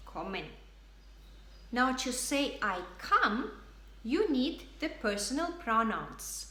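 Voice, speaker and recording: A woman from Germany with a German accent, teaching basic German phrases in English and repeating each word slowly for learners. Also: medium pitch, a bit bright. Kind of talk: slow, clearly spoken language lesson. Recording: echoey room with faint background noise.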